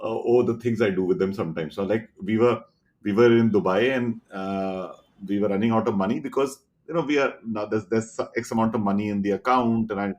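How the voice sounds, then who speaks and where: A middle-aged man from India with an Indian accent, a podcast guest telling animated anecdotes full of quoted dialogue. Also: lowish voice. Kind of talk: casual storytelling chat.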